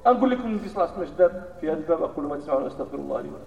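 A man with a Moroccan accent preaching a Friday sermon, moving between hushed solemn recitation and loud animated scolding. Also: a little high, rapid-fire, gravelly, slight background noise. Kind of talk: Friday sermon in Moroccan Arabic mixed with classical Arabic. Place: mosque hall. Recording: echoey hall from far off, dull lo-fi sound.

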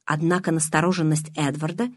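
A woman narrating a first-person audiobook in an expressive, emotional reading. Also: low voice, a little fast, slightly rough, dry recording.

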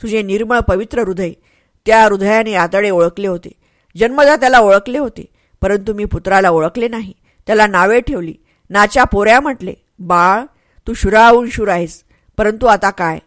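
A woman's voice: medium pitch, normal speed, no room sound, natural voice. A woman voicing a mighty older male warrior and father, taunting and mocking in his speech. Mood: grieving.

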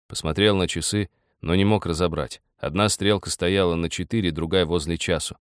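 A man with a very deep voice narrates a literary story calmly, steadily. The recording is dry and close, with no echo. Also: a little fast, clear, resonant tone. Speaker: audiobook reader.

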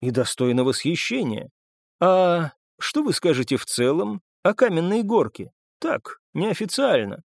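Wry polite young courtier guy, man doing him a bit higher than his own voice, dry close sound, storybook. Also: sing-song, measured pace, creaky, dry recording, full character voice. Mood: courteous. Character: polished sardonic young male courtier.

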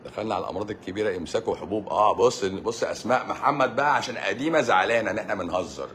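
A man's voice: on the low side, lively intonation, racing, a bit bright, a little hiss or hum. A man with an Egyptian accent, a doctor hosting a live stream who reads viewer comments aloud and answers them in a teasing, sarcastic way. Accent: Egyptian Arabic.

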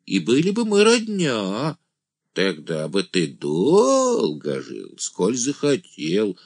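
A man voicing a simple-minded village man who calls himself an angel, speaking in a naive, drawn-out singsong. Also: medium pitch, wildly swooping pitch, creaky, no echo, studio quality, voice pushed up, heavily acted. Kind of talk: audiobook character voice.

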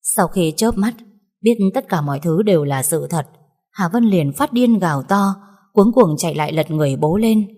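A woman narrating a dramatic story in a measured, somber way. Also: lowish voice, lively intonation, warm tone. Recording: long reverb.

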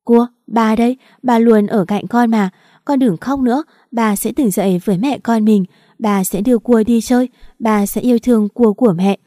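A woman's voice: a little high, normal speed, dark tone, no room sound, studio quality, natural voice. A woman voicing a young mother who pleads in tears at her husband's bedside, in an audiobook reading. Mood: soothing tearful. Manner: tearful, pleading.

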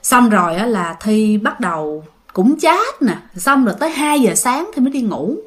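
Animated high-voiced Southern Vietnamese woman. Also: normal speed. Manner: animated, talks straight to listeners. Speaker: ghost storyteller. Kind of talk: casual spoken storytelling.

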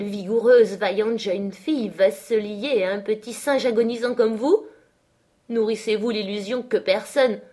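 Blunt, scornful housekeeper, loud and emphatic, put on by a woman narrator. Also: medium pitch, lightly acted. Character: indignant older housekeeper, blunt and scolding.

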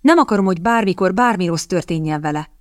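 A woman's voice: lowish voice, lively intonation, dry recording, clean studio sound, natural voice. A woman reading the lines of a nervous, lovestruck young dandy who blusters. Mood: blustering. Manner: blustering, then meek.

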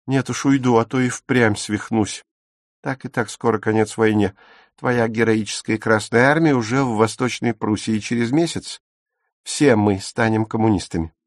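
A male audiobook reader voicing a sharp-tongued, reckless young woman in hiding, mocking and defiant, in a dry, close recording. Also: on the low side, moderate pace, no room sound, natural voice.

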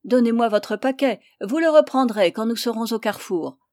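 A reserved, awkward young gentleman who speaks in brief, plain phrases, as a woman reader voices him. Her tone is mellow and the recording is dry. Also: a little high, lively intonation, normal speed, no room sound, natural voice. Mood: curt. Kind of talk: audiobook character voice.

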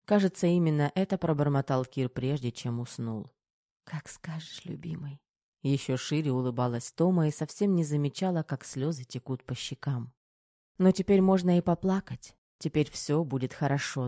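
A man narrating a romance audiobook in a calm, even storytelling manner. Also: mid-range voice, dry recording, clean studio sound.

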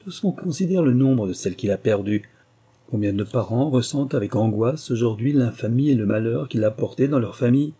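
A man narrating an audiobook in the first person with a steady, literary reading. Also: mid-range voice, fairly quick, husky.

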